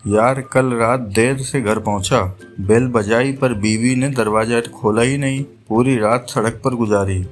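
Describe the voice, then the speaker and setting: Santa, a deadpan joke buddy voiced by a man. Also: medium pitch, unhurried, hardly any pauses, faint music behind, close to an everyday voice. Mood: plain. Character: Santa, joking everyman friend, adult man. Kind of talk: read-aloud joke dialogue.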